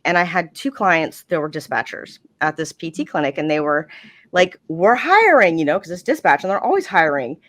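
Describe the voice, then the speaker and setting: A woman's voice: low-pitched, lively intonation, brisk, hardly any pauses, a bit bright. A woman dispatcher telling a story in casual podcast chat, chatty and full of "like"s. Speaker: 911 dispatcher and podcast guest.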